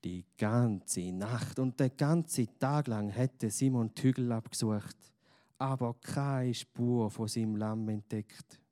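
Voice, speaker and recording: Slow, mellow-voiced man, narrating a children's tale. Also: medium pitch. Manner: slow, gentle storytelling with questions. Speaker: storyteller.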